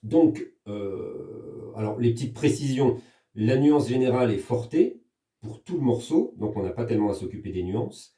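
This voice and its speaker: In an echoey room at home, a French percussion teacher's voice comes from a distance as he works with a practice pad. He speaks in a warm, mid-range voice with lively intonation at normal speed. He takes his pupils through the lesson step by step, counting the hand patterns aloud with patience.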